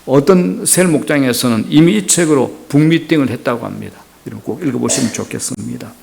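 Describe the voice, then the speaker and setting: Gravelly-voiced man preaching a sermon. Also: medium pitch, fairly quick, darkish tone, slight background noise. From Gyeongsang region, Korea. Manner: earnest preaching, addresses the congregation directly. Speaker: senior pastor.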